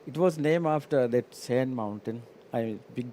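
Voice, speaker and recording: A mellow, mid-pitched man explains things casually. He circles back and rephrases in a halting way, with faint ambient noise on the live broadcast. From Maldives. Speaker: local guest in the commentary booth.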